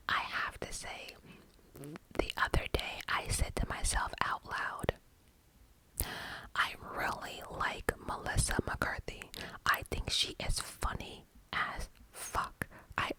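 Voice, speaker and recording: An ASMR host speaking in a breathy cupped-hand whisper very close to the microphone, answering questions in an informal, rambling way. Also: rough recording.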